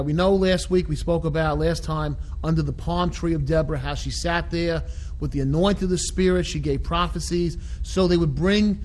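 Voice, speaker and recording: A man preaching a sermon as a pastor, deliberate and repeating phrases for emphasis. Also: a little high, rough recording. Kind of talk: sermon, expounding scripture.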